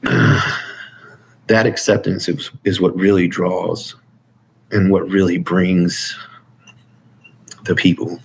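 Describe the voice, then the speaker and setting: A man's voice: low-pitched, little pitch movement, takes it slowly, creaky, long pauses, husky, rough recording. A man speaking as an interview guest in a casual, earnest, informal way, circling back over phrases as he gives personal testimony. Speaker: interview guest, military veteran.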